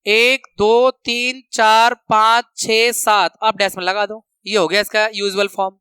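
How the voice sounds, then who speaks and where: High, bright-voiced maths teacher. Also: male voice, flat delivery, a little slow, clean tone, no echo. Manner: counts steps aloud, repeats rules to remember. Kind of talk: classroom lesson explanation.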